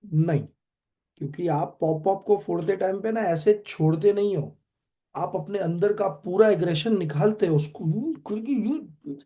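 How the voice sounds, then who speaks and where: A man with an Indian accent teaching physics online, quizzing students with quick questions and switching between Hindi and English. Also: high-pitched, dark tone. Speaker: physics tutor. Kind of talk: online classroom lecture.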